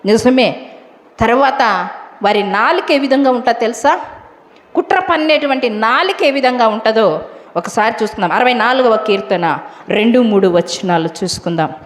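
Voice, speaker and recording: A woman preacher giving an animated sermon, acting out scripture voices and questioning her congregation. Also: a little high, normal speed. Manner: animated, acts out Bible characters' words, asks the congregation questions. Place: prayer hall. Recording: echoey prayer hall with long reverb.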